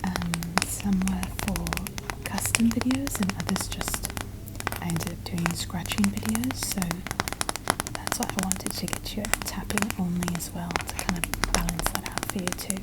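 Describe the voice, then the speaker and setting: A woman softly whispering casual, unhurried ASMR chat close to the microphone while tapping on objects with her fingers. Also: lowish voice. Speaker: ASMR video host. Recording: clicking, tapping noise over the whisper. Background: loud finger tapping and clicks.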